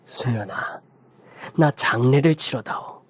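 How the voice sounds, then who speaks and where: A narrator voicing an older father who is recovering from injury and speaks in low, secretive commands. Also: slow, no echo. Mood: hushed, stern.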